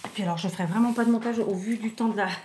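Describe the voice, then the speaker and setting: A woman's voice: medium pitch, rapid-fire. Chatty woman in an echoey room. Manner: chatty, thinking aloud, often trailing off softly. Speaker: vlogger showing a shopping haul. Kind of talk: casual haul chat. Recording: echoey room with loud background noise.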